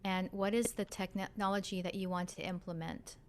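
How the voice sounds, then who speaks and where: A woman judge politely asks measured questions on a video call. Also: medium pitch, fairly even intonation, darkish tone, a little hiss or hum.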